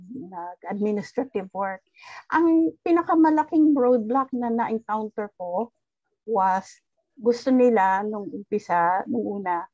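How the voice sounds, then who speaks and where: A woman's voice: mid-range voice, a little mellow, no room sound, lo-fi sound. A woman from the Philippines, a former teacher, answering audience questions in an online forum and switching between Tagalog and English as she thinks aloud. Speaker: guest speaker, former teacher.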